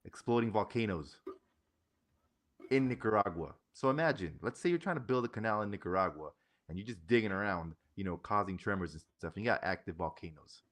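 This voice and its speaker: Deep-voiced, agreeable male podcast co-host. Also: a little fast. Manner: agreeable, animated storyteller. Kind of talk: casual livestream chat.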